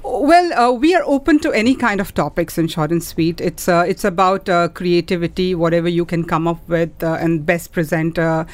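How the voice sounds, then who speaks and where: A woman answering as an interview guest, in halting phrases with many pauses. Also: on the low side. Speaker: interview guest, theatre festival organiser. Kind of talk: conversational interview.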